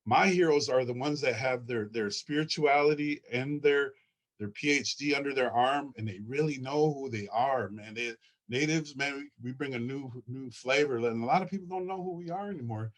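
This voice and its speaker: Man presenting slides, earnest, excited, repeats himself, mid-pitched voice. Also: normal speed. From Ojibwe, from Minnesota. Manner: earnest, excited, repeats words while searching. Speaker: school founder presenting.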